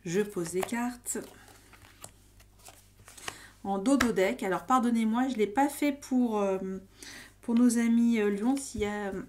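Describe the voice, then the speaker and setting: A woman at a medium pitch giving a relaxed tarot reading. She speaks with frequent pauses, fillers and self-corrections, as if thinking aloud while laying out cards. Her tone is chatty and addresses the listeners directly. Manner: hesitant, frequent fillers and restarts, warm addressing of viewers. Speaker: tarot reader. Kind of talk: casual monthly tarot reading.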